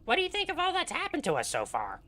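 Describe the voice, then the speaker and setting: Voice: high voice, wildly swooping pitch, fast, bright, forceful tone, voice pushed up, full character voice. A player voicing an inquisitive gnome adventurer in a fantasy game, chirpy and eager. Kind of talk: in-character game dialogue.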